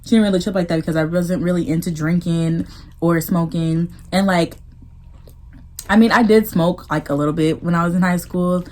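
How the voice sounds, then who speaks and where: A woman's voice: on the low side, steady tone, normal speed, a little mellow. A young American woman chatting in a laid-back, slangy way, sharing stories casually in a mukbang video. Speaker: vlogger. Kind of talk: casual storytime chat during a mukbang.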